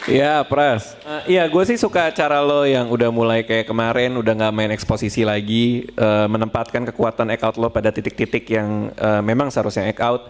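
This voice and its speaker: Mid-pitched man judging, hesitant. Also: steady tone, normal speed, few pauses. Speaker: comedy competition judge. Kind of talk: casual spoken critique.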